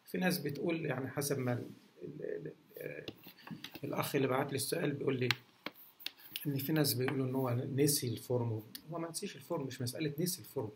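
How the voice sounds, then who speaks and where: Fast-talking Egyptian man answering questions. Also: medium pitch, background noise. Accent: Egyptian Arabic. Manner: hesitant, many restarts and fillers. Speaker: martial arts instructor. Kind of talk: casual Q&A monologue.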